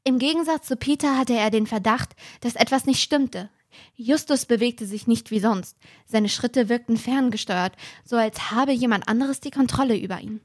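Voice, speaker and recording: Brisk woman narrating a story. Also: on the high side, darkish tone. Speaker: podcast host and narrator. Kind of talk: livestreamed read-aloud of a detective story.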